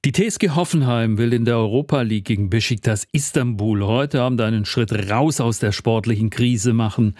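Low-voiced male radio sports presenter. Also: no room sound, studio quality. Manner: crisp, even news delivery. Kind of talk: radio sports news reading. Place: radio studio. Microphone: close studio mic.

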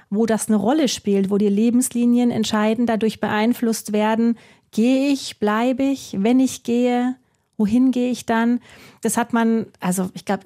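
Author interview: woman from Baden-Württemberg, slightly high and mellow, reflective and musing. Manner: thoughtful, musing, with rhetorical questions.

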